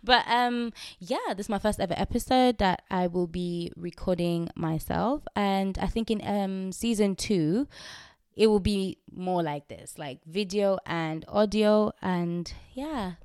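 A young adult woman, not a native English speaker, hosts her own podcast on faith, recording herself on video indoors. Her mid-range voice is a little slow and mellow, clean and dry in studio quality. She's chatty and candid, using fillers and laughing often.

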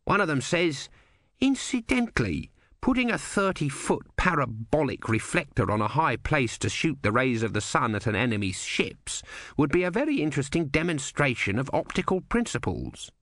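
Man voicing a dry, knowing tortoise god, lively delivery, close dry sound. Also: on the high side, normal speed, no echo, pitched above the performer's own voice. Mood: sardonic. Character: sardonic small tortoise god, male.

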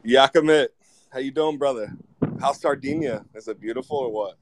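A man in a casual live audio chat at a festival, excited and slangy, laughing often. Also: mid-range voice, normal speed, slight background noise, rough recording.

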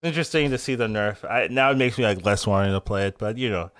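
A man in casual podcast chat about a card game patch, excitable and rambling, laughing often. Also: fairly low pitch, fast talker, dry recording, studio quality. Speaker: co-host discussing game patch.

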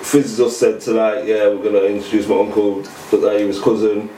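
A young man hosting a podcast, asking questions in a relaxed, slangy way. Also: fairly low pitch, a little fast. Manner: slangy, laid-back questioning. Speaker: podcast host. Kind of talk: casual podcast chat. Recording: roomy, distant mic, faint background noise.

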